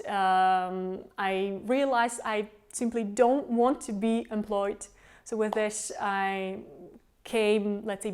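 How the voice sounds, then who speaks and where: Speaking in a clean, darkish, medium-pitched voice, a Czech woman gives earnest, lengthy interview answers. She is a native Czech speaker with a Czech accent who works as a tour guide and founded her own company.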